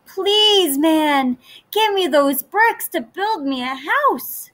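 Lady doing a little piggy, high and squeaky, politely begging, bright tone. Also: lively intonation, slow pace, full character voice. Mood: pleading. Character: small timid male piglet.

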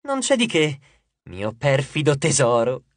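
A man's voice: medium pitch, huge pitch swings, a little slow, no echo. A man voicing a timid young girl who pleads and teases. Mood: teasing. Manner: pleading, then teasing.

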